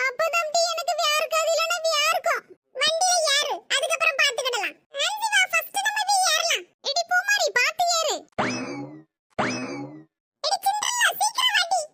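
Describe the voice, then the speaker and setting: A woman's voice: very high voice, background noise. Squealing little cartoon girl. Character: chatty bossy little village girl.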